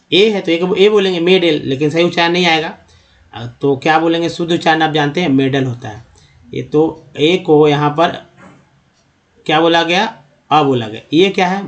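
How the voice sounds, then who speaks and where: A man teaching beginners English pronunciation. He patiently asks questions and answers them himself, and spells words slowly letter by letter. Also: fairly high pitch.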